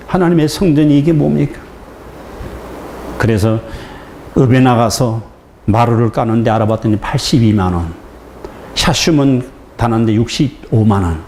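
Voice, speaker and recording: A man preaching a sermon as a pastor, telling a story with lively acted-out dialogue and laughter. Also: medium pitch. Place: church sanctuary. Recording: echoey church hall with faint noise.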